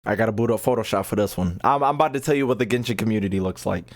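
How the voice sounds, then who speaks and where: Talking very fast in a fairly low voice, a man streams a video game and reads its text aloud, stumbling often. His casual commentary is full of slang and swearing, and he repeats phrases to drive them home.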